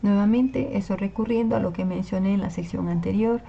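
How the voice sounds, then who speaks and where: A woman with a medium-pitched, creaky voice speaks a little fast in a very noisy, slightly dull lo-fi recording. She's teaching an online lesson on Spanish spelling, explaining things patiently and checking in with the class.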